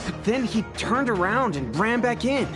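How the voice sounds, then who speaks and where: A worried young apprentice. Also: male voice, sits high, big pitch swings, normal speed. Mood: anxious. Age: young adult. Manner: worried, earnest, defensive. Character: anxious young male apprentice craftsman. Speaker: apprentice craftsman. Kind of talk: video game voice acting. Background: faint game music.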